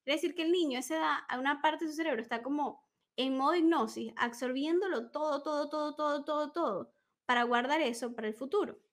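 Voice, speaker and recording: A woman's voice: high-pitched, fast. A woman coach talking in an interview, explaining ideas patiently and acting out little examples of what a parent might say. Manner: warm, explanatory, acts out examples. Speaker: emotional wellness coach. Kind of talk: conversational interview.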